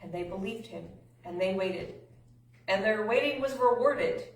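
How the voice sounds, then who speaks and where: A woman leads a children's church lesson, reading scripture aloud with energy and adding chatty asides for the kids. Her voice sits at a middle pitch and is picked up from some distance in an echoing room. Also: measured pace. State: a little out of breath. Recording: roomy, from a distance.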